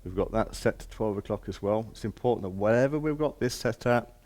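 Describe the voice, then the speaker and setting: A man with a lowish, somewhat mellow voice speaks fairly quickly as a shop presenter, walking through an informal hands-on demonstration step by step in plain, casual language.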